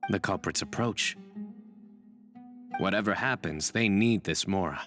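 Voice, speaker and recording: A stern chief investigator from a video game. His voice sits low and his delivery is measured and deliberate. He sounds composed and used to giving orders, with light music behind him. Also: fairly bright tone. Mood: composed, commanding.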